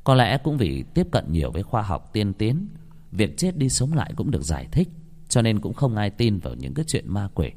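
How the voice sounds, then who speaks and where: A man narrating a scripted horror story, dramatic and expressive. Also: lowish voice, a little fast. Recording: long hall reverb.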